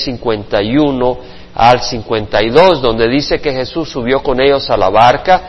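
Husky-voiced pastor preaching in a reverberant hall. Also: male voice, medium pitch. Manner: expressive preaching with sound effects and acted quotes. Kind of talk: sermon Bible study. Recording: muffled reverberant church recording.

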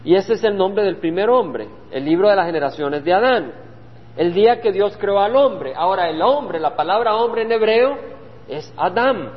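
A high-pitched man preaches a Bible study, earnest and driving his points home by repeating key phrases. The recording is dull and lo-fi, with a long hall reverb and a faint hum underneath. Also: animated, moderate pace. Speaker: pastor.

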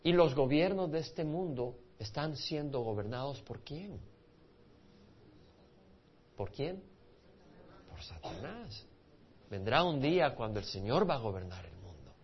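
This man from El Salvador speaks with a Salvadoran Spanish accent while teaching a conversational Bible study as a pastor, putting questions to the audience and starting words over. His mid-range voice is slightly rough and swings widely in pitch, and he talks unhurriedly with long pauses. The recording is dull and lo-fi.

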